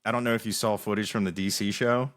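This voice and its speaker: A man's voice: on the low side, fairly even intonation, fast talker, a bit bright. A young man hosting a podcast, telling loose, rambling stories in casual chat with many restarts. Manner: rambling storyteller, many restarts, laughs often. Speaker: podcast host.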